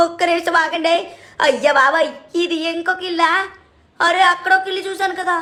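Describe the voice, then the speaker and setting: Brief: a cheeky, theatrical little cartoon boy, voiced by a woman, high-pitched, chattering and exclaiming. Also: fairly bright tone. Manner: chatty, exclamatory, self-talking. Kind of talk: cartoon fan dub over gameplay.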